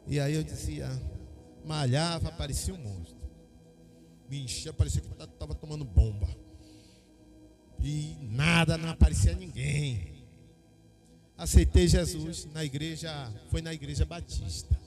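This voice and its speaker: Man, Brazilian accent, middle-aged, pastor, sermon, animated storytelling, fairly high pitch, faint music. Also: unhurried, pauses often. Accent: Brazilian Portuguese. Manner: animated storytelling, acting out dialogue. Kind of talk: sermon with personal testimony.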